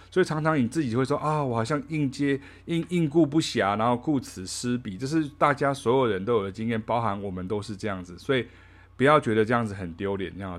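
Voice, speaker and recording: A man giving a casual spoken jazz lesson, chatting in a loose, rambling way and scatting rhythms aloud. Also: mid-range voice. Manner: chatty, ends phrases with a soft "ha", scats rhythms aloud. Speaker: jazz teacher.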